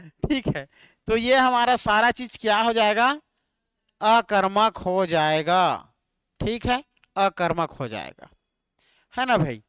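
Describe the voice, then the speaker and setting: A man with a high, smooth voice teaches a grammar lesson for exam prep. He speaks slowly and keeps quizzing his students, repeating each word. The sound is close and dry. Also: lively intonation, fairly bright tone, no room sound. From Chhattisgarh, India. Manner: repetitive, quizzing students with questions.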